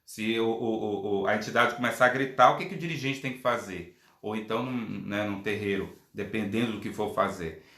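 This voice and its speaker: A man teaches in a lively, colloquial manner and slips into acted-out quotes. His voice is bright and forceful. The room around him is echoey and roomy. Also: fairly low pitch, fairly quick, hardly any pauses. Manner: animated and colloquial, acts out quotes. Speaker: spiritual teacher and medium. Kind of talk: live-streamed lecture.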